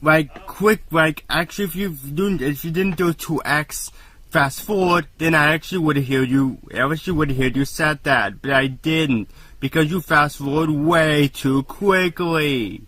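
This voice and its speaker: A speaker giving a hurried, rambling, defensive commentary rebuttal. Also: medium pitch, fairly bright tone.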